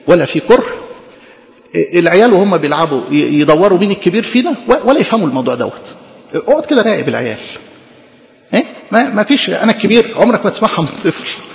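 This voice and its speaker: A man with an Egyptian accent preaching a sermon in an animated, conversational way, full of rhetorical questions. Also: high voice, quick pace, gravelly, long pauses, in a large hall, lo-fi sound. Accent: Egyptian Arabic.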